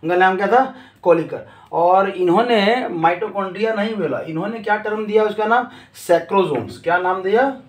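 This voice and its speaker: A man's voice: sits high, moderate pace. A male teacher lecturing a class, who asks questions and then answers them himself, going back over each key term several times. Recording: echoey room.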